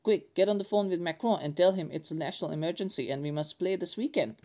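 A man's voice: high voice, darkish tone, voice pushed up, lightly acted. A man putting on a panicky mock-French official. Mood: panicked. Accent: put-on French accent. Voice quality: exaggerated, deliberately bad accent.

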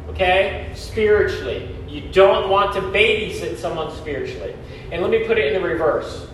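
A man's voice: high voice, fairly bright tone. A middle-aged man preaching as a pastor in an emphatic, colloquial, exhorting manner, his voice echoing like in a cathedral. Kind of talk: sermon. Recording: echoey church, distant mic, faint noise.

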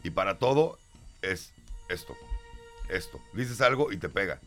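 A man's voice: sits low, very animated, measured pace, pushed and bright, soft background music. A middle-aged man with a Mexican Spanish accent co-hosting a talk show, reading listener comments aloud and answering them emphatically. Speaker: radio show host.

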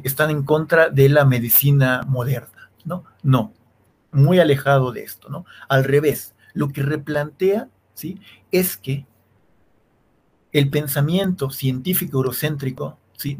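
Man explaining in halting lecture style. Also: mid-range voice, a little mellow, husky. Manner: keeps checking in with a questioning "sí", many restarts and fillers. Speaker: law lecturer, interview guest. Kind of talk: academic explanation in an interview.

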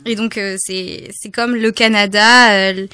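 A woman's voice: mid-range voice, steady tone, a little slow, sharp tone, clear, resonant tone. A woman chatting casually in a group talk, hesitant, with many fillers, and laughing at her own slips.

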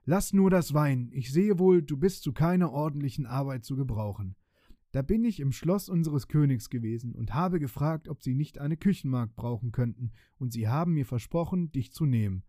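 A man's voice: mid-range voice, lively intonation, normal speed, dark tone, no room sound, studio quality, close to an everyday voice. A man reading a fairy tale aloud, voicing a stern, scolding beggar-minstrel who is a king in disguise. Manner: firm, scolding.

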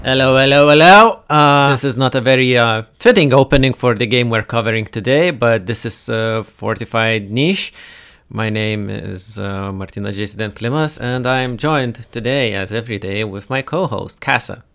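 A man's voice: medium pitch, moderate pace, fairly bright tone, clean tone. A man hosting a casual tabletop game podcast, talking with a co-host, hesitant with many fillers.

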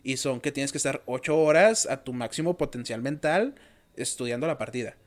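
A man's voice: mid-range voice, brisk. A young man hosting a casual interview, a chess teacher who talks at length and explains with examples and many fillers. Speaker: podcast host and chess teacher.

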